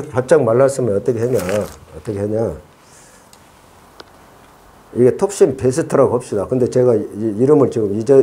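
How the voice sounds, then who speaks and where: A man's voice: fairly low pitch, mellow. A middle-aged man hosting a casual hands-on gardening tutorial, chatty and repeating himself as he thinks aloud. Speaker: orchid-growing channel host.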